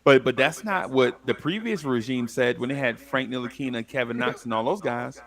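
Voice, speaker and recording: Gravelly-voiced man telling stories. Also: medium pitch, a little fast, crowd noise. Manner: animated, stumbling restarts, slangy. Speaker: podcast guest. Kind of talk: casual storytelling.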